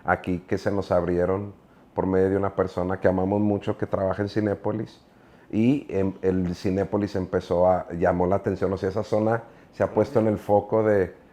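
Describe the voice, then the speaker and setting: A deep, dark-toned male voice speaks at normal speed and in a level tone. He's a middle-aged guest preacher with a Mexican accent, telling stories in a casual interview in an earnest, rambling way full of filler words.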